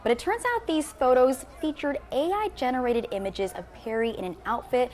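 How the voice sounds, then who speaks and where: A woman's voice: high-pitched, big pitch swings, brisk, a little mellow. A woman news anchor reading entertainment news with chatty, playful asides.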